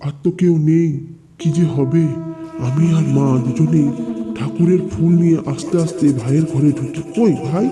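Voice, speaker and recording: A man's voice: fairly high pitch, moderate pace, over music. A man narrating a horror story as the elder son, speaking urgently and repeating words in alarm.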